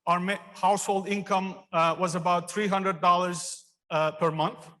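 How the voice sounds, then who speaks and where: Earnest professor from Turkey, fifties, man with a fairly high voice, speaking at a commencement in a big theater. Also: steady tone, pushed and bright. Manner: earnest, personal storytelling with pauses. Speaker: engineering professor giving a commencement speech. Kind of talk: commencement speech. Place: large theater. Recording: long reverb of a large hall.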